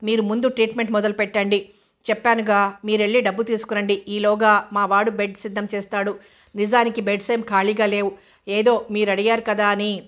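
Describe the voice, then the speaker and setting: A woman voicing a greedy small-town male doctor who mocks and then gets flustered, read in a narrow, even tone. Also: medium pitch, a little fast, lightly acted. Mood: pushy.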